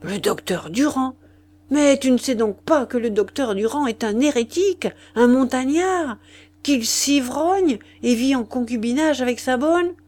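A woman's voice: medium pitch, sing-song, a little slow. A woman voicing an irascible, greedy male village vicar who scolds and hurls insults, in an audiobook reading. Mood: furious.

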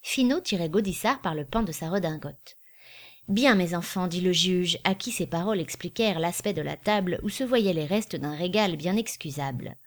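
A woman narrating a classic novel in a steady, clear voice. Her reading is measured and unhurried. She carries the story between the characters' lines. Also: lowish voice. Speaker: audiobook reader. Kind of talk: literary narration.

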